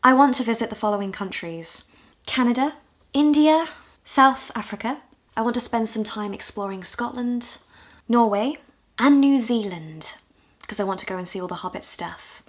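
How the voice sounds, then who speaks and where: A woman from the UK in her twenties, talking candidly and with self-deprecating humor in a casual vlog, her voice a little hoarse. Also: on the high side, lively intonation, normal speed. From United Kingdom. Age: 20s. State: hoarse, low on voice. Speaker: vlogger.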